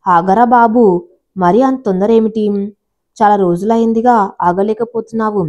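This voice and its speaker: A woman's voice: medium pitch, fairly even intonation, normal speed, a little mellow, muffled recording, natural voice. Woman voicing a coy teasing young woman.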